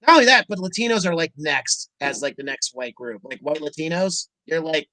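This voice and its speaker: A man's voice: fairly high pitch, lively intonation, a little fast, bright, forceful tone, no room sound. A man co-hosting a casual comedy talk show, rambling with lots of fillers and restarts. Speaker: comedy podcast co-host. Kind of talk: casual chat.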